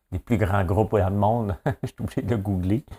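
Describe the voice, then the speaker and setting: A man's voice: fairly low pitch, fairly even intonation, moderate pace, warm tone, slightly rough. A man with a Québécois accent hosting a casual news commentary, blunt and opinionated with a joking edge. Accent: Québécois French. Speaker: host of a daily news chat.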